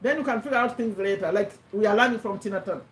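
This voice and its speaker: A middle-aged woman from Uganda, English not her first language, giving an animated motivational talk and repeating her points for emphasis. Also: medium pitch, very fast, distant mic. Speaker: host of a live business talk. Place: home room with a bookshelf, indoors. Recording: echoey room, voice a little off-mic.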